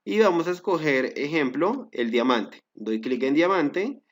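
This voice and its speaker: A man teaching a step-by-step software tutorial, guiding viewers with frequent fillers and self-corrections. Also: a little high, lively intonation, a little slow, muffled recording. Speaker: Excel instructor. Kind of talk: screen-recorded software tutorial.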